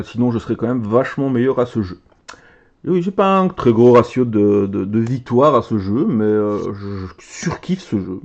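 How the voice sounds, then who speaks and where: An excitable, chatty man opening trading cards and reading their names aloud, his voice swooping up and down with animated pitch. The recording is muffled and lo-fi, like a simple home setup. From Belgium. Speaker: card game content creator. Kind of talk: casual card-opening commentary.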